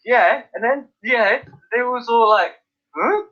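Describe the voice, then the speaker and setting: A man hosting a live stream from his attic, telling animated stories, laughing and swearing freely in casual chat. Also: very high-pitched, measured pace. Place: indoors by an open attic window. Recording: dull lo-fi stream audio.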